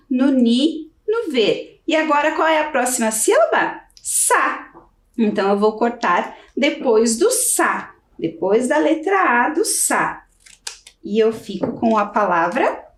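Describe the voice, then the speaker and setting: A Brazilian woman teaching a children's video lesson, giving patient step-by-step instructions. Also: a little high. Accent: Brazilian Portuguese. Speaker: primary school teacher. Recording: roomy, from off the mic.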